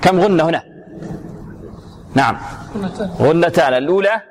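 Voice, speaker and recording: A man with a slightly raised pitch leads a recitation lesson. He stretches single letters and syllables, then questions his students on each rule. His delivery is patient and drilling. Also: moderate pace. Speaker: Quran recitation teacher.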